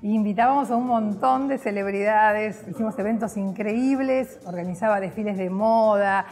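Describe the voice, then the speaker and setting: With faint music behind her, this guest, a middle-aged Argentine woman who works in public relations, cheerfully shares her career story to camera in a hotel lobby. She talks at normal speed in a darkish, mid-range voice, her Argentine Spanish chatty and full of fillers.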